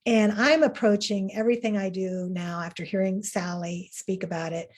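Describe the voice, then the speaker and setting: Art teacher, woman, mid-pitched, encouraging and chatty on a video call webinar. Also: fairly even intonation, normal speed. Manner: upbeat, encouraging, with fillers and restarts. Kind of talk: webinar lesson.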